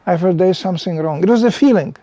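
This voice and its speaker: An older man, by birth, preaches in English to a small group in a loose, chatty way, leaning on "you know" as he goes. His voice sits a little high but sounds mellow and dark, and the recording is dry and close. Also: fast talker, no room sound, lo-fi sound. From Czechoslovakia. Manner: conversational, animated, frequent "you know". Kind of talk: sermon to a small gathering.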